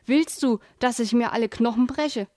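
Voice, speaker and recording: A woman's voice: fairly high pitch, moderate pace, darkish tone, no room sound, clean studio sound, lightly acted. A woman voicing a grumpy, sarcastic male hamster who whines and panics while clinging to a branch. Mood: anxious.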